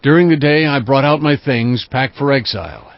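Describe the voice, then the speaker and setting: A man's voice: mid-range voice, vocal fry, no echo, lightly acted. Man playing solemn prophet Ezekiel, slightly muffled. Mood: earnest, measured. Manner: solemn, measured, earnest. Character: obedient male Hebrew prophet recounting his visions. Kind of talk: dramatized scripture narration. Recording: muffled sound with music behind. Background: cinematic music.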